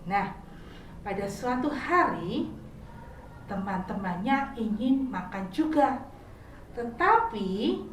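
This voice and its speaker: A woman teacher telling a devotional story to children in a slow, clear storytelling manner. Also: fairly high pitch, slight background noise. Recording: echoey room, from far off.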